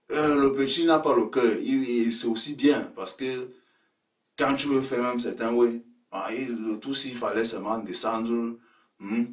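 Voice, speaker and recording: A man telling a comic personal story in lively slang, with punchy asides to his listeners. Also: mid-range voice. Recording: roomy sound from a distant mic.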